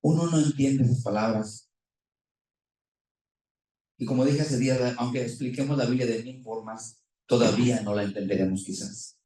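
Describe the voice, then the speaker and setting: A man preaching a sermon as pastor, impassioned, swinging between loud peaks and quiet passages, asking his listeners many questions. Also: medium pitch, moderate pace, long pauses. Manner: impassioned, rising and falling, rhetorical questions. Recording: echoey room, voice from far off.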